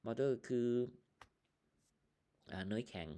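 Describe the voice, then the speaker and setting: A male English teacher with a Lao accent, slowly explaining vocabulary and sample answers in a casual online lesson, with plenty of fillers. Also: mellow. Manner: slow, explaining words one by one with many fillers.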